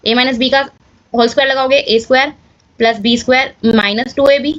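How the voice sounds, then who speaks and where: A woman's voice: high voice, fairly even intonation, brisk, no echo, muffled recording. A woman teaching maths step by step in a casual manner, often checking in with viewers. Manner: casual, addresses viewers as guys, checks with "clear?".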